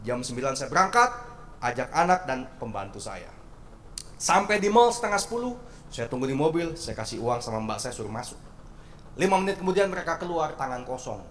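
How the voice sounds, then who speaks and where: Lively pastor preaching in an echoey church. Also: male voice, mid-range voice, brisk, slight background noise. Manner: lively, conversational, with rhetorical questions and jokes. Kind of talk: sermon. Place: church sanctuary. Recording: echoey church hall with faint ambience.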